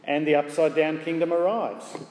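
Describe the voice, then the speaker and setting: A man's voice: on the high side, fairly even intonation, a little mellow. Male preacher in an echoey hall. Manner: measured, rhetorical questions to the congregation. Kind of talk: sermon. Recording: echoey hall with faint ambience.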